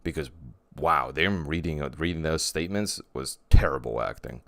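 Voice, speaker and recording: A man's voice: rumbling low, animated, normal speed, gravelly, pushed and bright, dry recording. A man co-hosting a casual chat podcast, rambling and often restarting his sentences. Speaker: podcast co-host.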